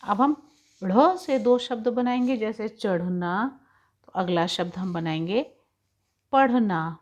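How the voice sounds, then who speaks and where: A woman teaching young children in an online class lesson, explaining each point slowly and patiently. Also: on the high side, expressive, muffled recording. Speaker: school teacher.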